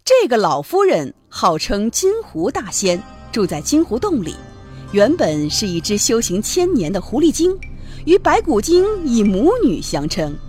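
Lively woman telling a children's story. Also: a little high, a little slow, faint music behind. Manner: expressive, lively.

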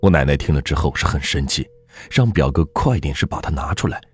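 Low husky-voiced male storyteller. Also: faint music behind. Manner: measured, steady storytelling. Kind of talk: folk ghost story narration.

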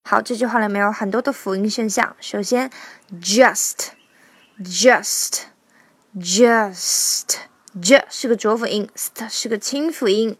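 A woman teaching a song line by line, patiently explaining pronunciation and slowly singing out each sound. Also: a little high, no room sound.

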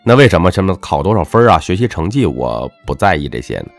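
A man giving a motivational monologue with a personal story, talking emphatically in a lecturing way and letting his phrases drop low at the end. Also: very animated, fast talker, faint music behind. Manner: emphatic, lecturing, swings between punchy highs and dropped low endings. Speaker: self-help speaker.

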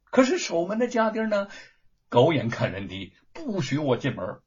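A cheeky young scholar full of playful mischief, his husky voice riding high and bouncing all over, as a man storyteller puts him on. Dull, muffled lo-fi recording. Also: wildly swooping pitch, normal speed, darkish tone, heavily acted. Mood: polite. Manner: mischievous, teasing.

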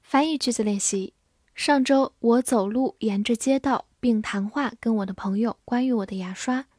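A woman teaching English vocabulary in a scripted lesson, spelling words out slowly and repeating them with care. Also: a little high, darkish tone, no echo. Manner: slow, deliberate spelling and repetition of words.

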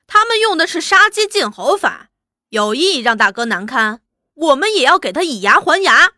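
Brief: headstrong bandit daughter, scornful and sharp, bright tone, read by a woman narrator. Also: sits high, sing-song, normal speed, no echo, clean studio sound, pitched above the performer's own voice, exaggerated voice. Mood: insistent. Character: proud headstrong woman in her thirties, bandit chief's daughter.

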